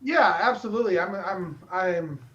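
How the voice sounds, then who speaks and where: High, bright eager man on a stream. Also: normal speed. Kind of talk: casual live stream chat. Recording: dull lo-fi stream audio.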